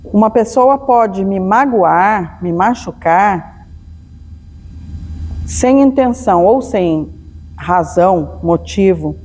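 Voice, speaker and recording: A woman's voice: on the high side, darkish tone, long reverb tail. Storytelling Brazilian woman giving a lecture. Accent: Brazilian Portuguese. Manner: storytelling, acts out dialogue. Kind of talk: spiritual lecture.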